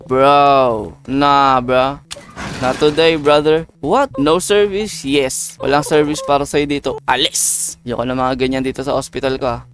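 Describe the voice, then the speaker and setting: A man's voice: medium pitch, fairly even intonation, measured pace, a bit bright. A man from the Philippines giving playful, joking let's-play commentary, chatting with his viewers as he plays. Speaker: gaming video creator.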